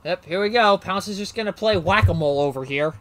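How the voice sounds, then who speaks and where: A man's voice: sits high, quick pace, fairly bright tone, no room sound. A man casually narrating his moves in a card game match, rambling and self-mocking, often losing his train of thought. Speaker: card game player and commentator.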